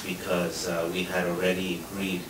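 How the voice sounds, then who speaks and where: A man's voice: low-pitched, monotone, moderate pace. A man who grew up in New York after leaving Guatemala, speaking earnestly and off the cuff as a panelist at a public discussion. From Guatemala, raised in New York. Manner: earnest, loose and spontaneous. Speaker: forensic anthropologist panelist. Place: lecture hall. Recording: roomy hall, distant mic, noisy.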